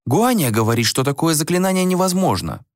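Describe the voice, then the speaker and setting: A shrill, spiteful village woman, put on by a male reader. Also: big pitch swings, a little fast, dry recording, studio quality. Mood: scornful. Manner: shrill, scolding, screeching. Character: quarrelsome scheming woman, loud and spiteful.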